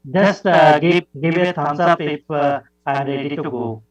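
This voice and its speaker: A man's voice: on the high side, a little slow. A man from India, speaking as a remote conference presenter over a video call, hesitant with many fillers, his volume rising and dropping as the connection breaks up. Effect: patchy call audio with uneven, dropping volume. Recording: muffled video-call audio.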